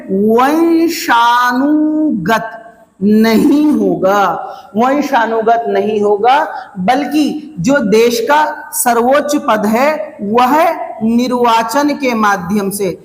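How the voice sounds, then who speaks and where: A man teaching an exam prep lecture, slowly repeating key phrases to drill his students. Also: extremely high pitch. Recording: echoey classroom, long reverb.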